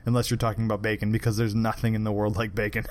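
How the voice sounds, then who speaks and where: A man's voice: lowish voice, monotone, rapid-fire. A man co-hosting a podcast in casual chat, breaking things down in a chatty way and laughing along. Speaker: podcast co-host.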